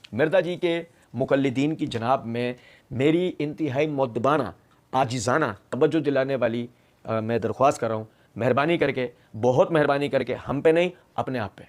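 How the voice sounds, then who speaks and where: A man giving a polemical religious lecture, speaking in an animated, emphatic and sarcastic way. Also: mid-range voice. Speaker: religious scholar.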